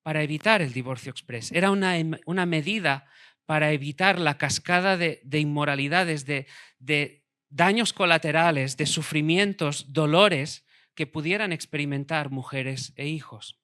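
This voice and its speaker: A man preaching a sermon as pastor, emphatic, dropping to a quiet tone for weight. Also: on the high side, normal speed.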